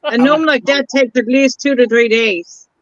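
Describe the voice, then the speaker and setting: A woman's voice: high-pitched, moderate pace, a crowd in the background. A woman chatting in a crochet video call, easygoing and plainspoken. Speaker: crochet group member. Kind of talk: casual group video chat. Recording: dull, dry video call audio.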